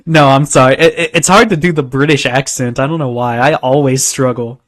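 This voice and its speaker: A man's voice: medium pitch, fairly even intonation, a little fast, a bit bright. A man giving casual, joking commentary while playing through a game, laughing often. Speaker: game streamer. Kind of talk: casual let's play commentary.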